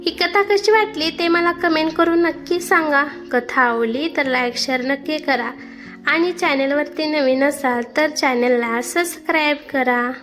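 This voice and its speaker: A woman narrating a story in a high voice with a steady, clear reading. Faint instrumental music plays beneath her. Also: measured pace. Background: soft background music.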